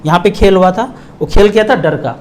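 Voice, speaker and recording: A high-pitched middle-aged man from India walks viewers through investment questions. He talks emphatically, slowing down and splitting words apart to hammer each point home. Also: darkish tone. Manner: emphatic, slows down and breaks words apart for stress. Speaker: mutual fund distributor.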